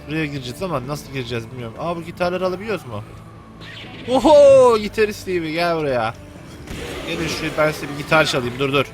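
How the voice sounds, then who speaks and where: A man's voice: on the high side, very fast, hardly any pauses, over music. A young man commenting on a video game while he plays, joking and cursing at the characters. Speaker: gameplay commentator. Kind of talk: let's play commentary.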